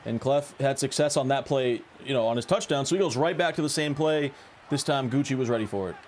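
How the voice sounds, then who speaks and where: A man's voice: medium pitch, a little fast, a little hiss or hum. A man doing live esports color commentary, analytically breaking down plays and coverage adjustments.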